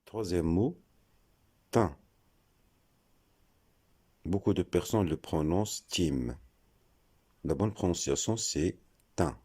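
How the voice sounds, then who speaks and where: A man giving a scripted lesson on French pronunciation, slowly spelling out words letter by letter. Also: low-pitched, mellow, breathy edge. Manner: slow, deliberate, spells out letters.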